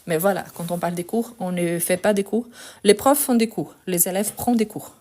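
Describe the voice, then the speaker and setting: Warm and on the low side, a woman's voice guides students through a text correction in a live online French class. She goes step by step, unhurried and patient, repeating words and leaning on "donc", while speaking into a phone in her hand.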